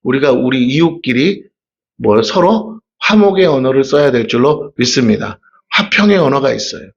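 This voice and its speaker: A man's voice: medium pitch, normal speed, creaky. Korean pastor guy with gyeongsang accent, chatty sermon, rhetorical questions, slightly muffled recording. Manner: conversational, animated preaching with rhetorical questions. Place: church sanctuary.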